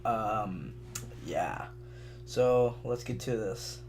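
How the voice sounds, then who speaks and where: A man's voice: fairly low pitch, animated, drawn-out words, noisy background. A man hosting a vlog, introducing a reaction video with a cheap webcam mic, hesitant and full of ums. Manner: hesitant, lots of ums, self-correcting. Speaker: vlog host.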